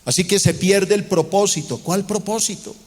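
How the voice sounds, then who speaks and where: Man, Colombian Spanish accent, fervent pastor, sermon, fairly high voice, church auditorium, long reverb. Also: normal speed. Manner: fervent preaching, mocks complainers in put-on voices.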